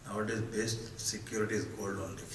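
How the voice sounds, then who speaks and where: A man with an Indian accent giving a spiritual discourse as a teacher, emphatic, posing rhetorical questions and answering them in short, deliberate phrases. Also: lowish voice, steady tone. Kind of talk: spoken philosophical discourse to students. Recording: echoey hall, distant mic, faint noise.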